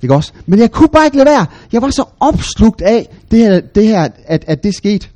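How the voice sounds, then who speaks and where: Lively middle-aged man preaching. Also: sits high. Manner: animated storytelling, big shouted quotes. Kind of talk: sermon.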